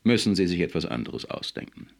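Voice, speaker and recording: A man's voice: low voice, animated, normal speed, creaky, heavily acted. A man reading an audiobook, voicing a cheerful, stubborn older male science writer who speaks with jaunty confidence. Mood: indignant. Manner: jaunty, then indignant.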